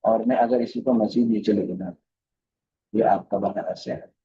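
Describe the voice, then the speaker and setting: A man's voice: lowish voice, fairly even intonation, a little slow, mellow, slightly rough, dull audio. A man teaching a recorded live class on chart reading, speaking with a flavour and often repeating phrases and putting questions to his students. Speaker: trading course teacher.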